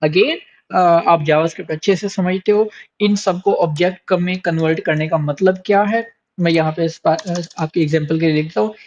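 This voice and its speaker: In a screen-recorded coding tutorial, a man with a fairly high, steady voice teaches programming at a moderate pace, with the highs cut off and a little hiss or hum. He explains step by step, repeats his points, and hesitates often. He frequently pauses to check in with the learner using "theek hai."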